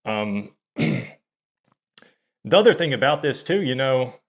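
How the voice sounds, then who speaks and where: This confessional to-camera monologue comes from a channel host in his thirties with a mid-range voice and a very animated manner. He's hesitant and halting, often trailing off and restarting, while staying soft-spoken and self-deprecating.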